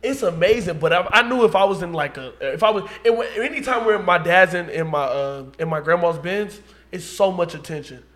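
A young man with a high, light voice and an excitable, slangy way of talking. He laughs often through a casual group conversation. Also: brisk. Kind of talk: casual chat.

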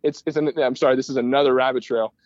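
A man from Michigan in the United States, guesting on an interview as the founder of an aerospace start-up, explains things in an enthusiastic, rambling, conversational way. His mid-range voice has a darkish tone and fairly even intonation, and he talks quickly. The recording is lo-fi with no room sound.

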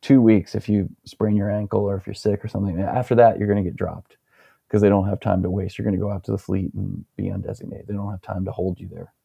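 A young man casually recounting a story as an interview guest, relaxed and rambling with plenty of fillers. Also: fairly low pitch, fast talker, gravelly, breathy edge, no echo.

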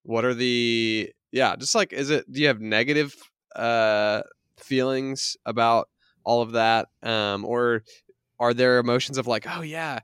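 Male podcast co-host, clear tone, close dry recording, thoughtful and tentative in casual talk. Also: medium pitch, steady tone, unhurried, a bit bright, no room sound.

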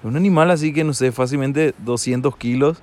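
Halting man recounting a scare. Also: mid-range voice, a little mellow. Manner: halting, restarts, laughs at himself. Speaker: traveler telling a story. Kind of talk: casual storytelling.

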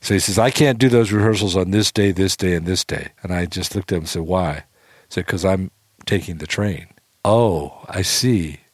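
Man, lowish voice, dry close sound, animated storyteller doing quotes. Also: normal speed, slightly rough, no echo. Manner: animated storyteller, acts out quotes, swears freely. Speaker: storytelling guest. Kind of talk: casual anecdote telling.

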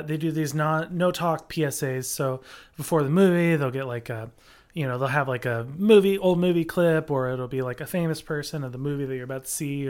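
A casual podcast co-host who rants heatedly and swears freely. The speech rambles, full of "like" and "um", at a middle pitch. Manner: profane, ranting, heated; rambling with many fillers.

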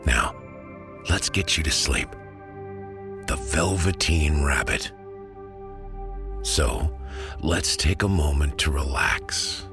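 A man narrating sleep stories in a slow, soothing, hushed way, with a husky low voice. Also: over music. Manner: slow, calming, hushed delivery. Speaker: podcast host and sleep story narrator.

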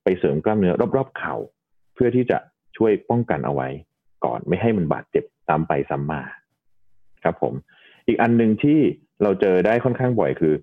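A man's voice: low-pitched, big pitch swings, fairly quick. A man, a doctor guest on a podcast, patiently explaining injuries step by step in a casual, polite way. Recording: tinny phone-like line.

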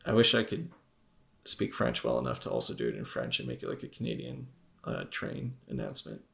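A man's voice: extremely low pitch, huge pitch swings, brisk, creaky, fairly bright tone. A man co-hosting a podcast in casual chat, rambling and joking, often trailing off mid-thought. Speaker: podcast co-host.

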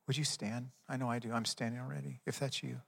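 A man preaching a sermon as pastor, emphatic, swelling loud and dropping to a soft prayer tone, in a hall with long reverb. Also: medium pitch, level tone, fast, creaky, breathy edge.

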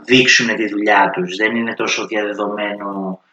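A man's voice: fairly low pitch, level tone, bright, forceful tone, muffled recording. A man hosting a cooking channel, talking casually to his viewers in a chatty, slangy storytelling way. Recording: roomy echo with faint music.

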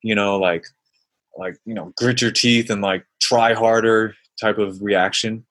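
He has a fairly low, fairly bright voice with fairly even intonation and a slightly slow delivery. As a guest being interviewed, this former basketball player and mindfulness coach reflects his way through answers with fillers and restarts, occasionally acting out his inner voice.

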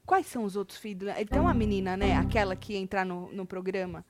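A woman's voice: mid-range voice, fast, background noise. A woman co-hosting a celebrity gossip show, chatty and teasing, reading out viewer comments.

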